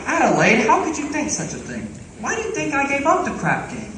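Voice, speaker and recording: A teenage girl playing a smooth-talking gambler fiancé, slangy and wheedling, on a school stage. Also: high voice, wildly swooping pitch, brisk, fairly bright tone, heavily acted. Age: teens. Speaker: student actor in school musical. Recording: echoey stage from far off, room noise.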